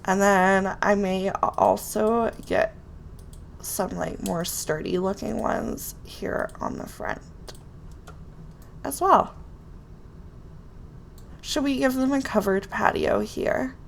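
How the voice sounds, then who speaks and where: Speaking slowly in a mid-range voice with vocal fry and long pauses, this Sims building creator is nasal and stuffed up from a cold. She gives relaxed real-time commentary on her build, mostly talking to herself, over a faint hiss or hum.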